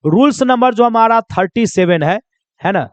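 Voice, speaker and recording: A man's voice: sits high, lively intonation, moderate pace, no room sound. A man teaching pronunciation rules in a classroom-style lesson, constantly quizzing his listeners with repeated questions and calling them children. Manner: drills with repeated quiz questions; addresses viewers as children.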